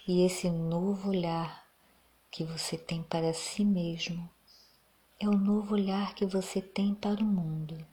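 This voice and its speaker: Female meditation guide, Brazilian accent, lowish pitch, very slow soothing delivery, soft and breathy, close to a whisper.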